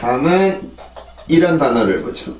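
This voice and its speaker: A man's voice: on the high side, sing-song, moderate pace, a little mellow, far from the mic, a little hiss or hum. Korean man teaching pronunciation in a roomy space. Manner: explains patiently, drilling words in repeated sets. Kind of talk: pronunciation lesson. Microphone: clip-on mic on a phone camera.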